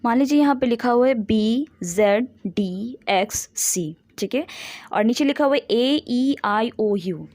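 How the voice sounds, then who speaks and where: A woman teaching English grammar in a classroom-style lesson, mixing Hindi and English and repeating key terms slowly with rhetorical questions. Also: on the high side, expressive, darkish tone, no echo.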